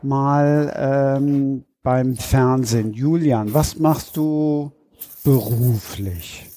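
A man's voice: mid-range voice, very slow, mellow, no room sound. A man hosting a casual interview, speaking into a close microphone. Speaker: podcast host.

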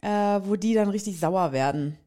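Sarcastic woman cohost, swears a lot, blunt, normal pitch. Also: moderate pace, warm tone. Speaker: podcast co-host. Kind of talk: casual chat.

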